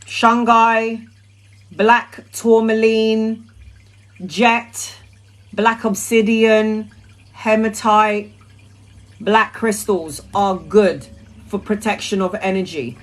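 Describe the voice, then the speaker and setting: Woman, middle-aged, mid-pitch; casual, sweary tarot livestreamer. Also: little pitch movement, drawn-out words, long pauses, low-quality recording. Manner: chatty, blunt and sweary, with rambling restarts. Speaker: tarot reader answering viewer questions. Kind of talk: casual live-stream chat.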